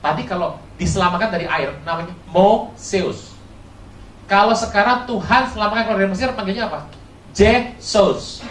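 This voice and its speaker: A pastor preaching a sermon, quizzing the congregation and swinging between loud high bursts and quiet low asides. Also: a little fast, slight background noise. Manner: animated, keeps quizzing the congregation. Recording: echoey hall from far off, faint ambience.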